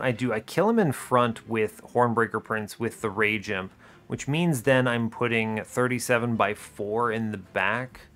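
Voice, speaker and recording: A gaming video host with a medium-pitched, slightly bright voice reasons aloud about his next moves. He keeps his commentary brief, casual and wry, and game music plays throughout.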